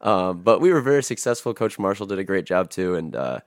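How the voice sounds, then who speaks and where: A man with a low voice and an American accent tells coaching stories in a relaxed way, full of "uh" and "you know." The recording is dry, with no room sound. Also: brisk, dry recording. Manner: easygoing, filler-heavy storytelling. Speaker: youth football coach. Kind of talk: casual podcast conversation.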